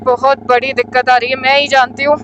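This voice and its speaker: A woman with a high voice chats casually as she rides a motorbike outdoors on a mountain road. She thinks out loud and calls everyone brother, with faint engine noise behind her. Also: flat delivery, brisk, lo-fi sound. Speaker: motorcycle vlogger. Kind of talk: casual chat while riding.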